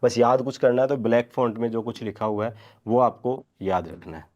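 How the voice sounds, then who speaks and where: A commerce teacher delivers a revision lecture in a mid-range, slightly mellow voice, captured on dull audio. He asks his students questions and answers them himself, and he dictates journal entries slowly, word by word.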